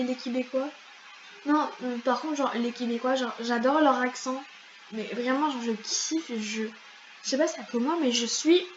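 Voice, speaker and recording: A high, light female voice drifts along at an easy, slow pace. She is a YouTuber chatting casually over her gameplay, slangy and full of fillers. The recording sounds a little muffled and lo-fi, with a faint hiss underneath. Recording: slightly dull lo-fi mic.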